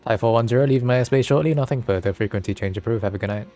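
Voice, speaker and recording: A man's voice: mid-range voice, racing, dark tone, soft background music. A man acting as air traffic controller, giving clipped radio instructions to pilots.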